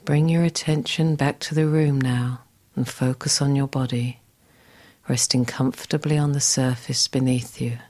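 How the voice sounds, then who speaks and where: A woman guiding a scripted relaxation exercise in a soft, soothing, breathy, near-whispered voice. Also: extremely low pitch, fairly even intonation, normal speed. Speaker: relaxation guide.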